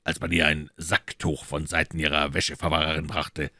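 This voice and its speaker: A man voicing a cold, devoted nobleman agent who reports in curt, measured tones, in a storybook reading. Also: a bass voice, little pitch movement, vocal fry, sharp tone, dry recording, studio quality, exaggerated voice. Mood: secretive.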